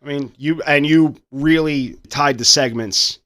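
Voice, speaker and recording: A man's voice: a little high, unhurried, a bit bright. Man, podcast co-host, casual chat, teasing, talkative.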